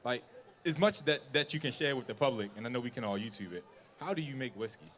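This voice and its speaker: A man hosting a relaxed conversational interview, asking his guests questions in an informal way. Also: mid-range voice, fast talker. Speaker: talk show host. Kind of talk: casual chat, interviewing.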